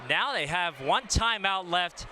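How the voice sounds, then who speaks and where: A man's voice: sits high, expressive, measured pace, sharp tone. A man doing live play-by-play for a basketball game, his calls rising on big plays. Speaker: play-by-play announcer. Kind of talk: live sports commentary. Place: basketball arena. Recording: noisy arena broadcast.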